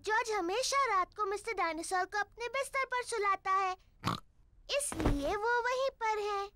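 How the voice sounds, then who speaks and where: A woman's voice: very high-pitched, animated, unhurried, over music. A woman voicing an eager, slightly bossy little girl pig in a Hindi cartoon dub, with an emphatic childlike manner. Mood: proud, excited.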